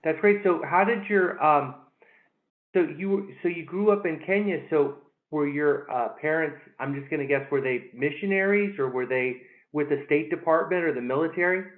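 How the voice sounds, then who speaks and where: Male interview host, a bit high, halting delivery, echoey tinny phone-like sound. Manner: halting, hesitant, repeats words. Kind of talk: casual interview.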